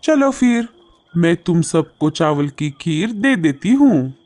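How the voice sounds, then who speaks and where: A woman voicing a caring, protective mother bird in a cartoon, speaking softly and soothingly. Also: lowish voice, sing-song, slow.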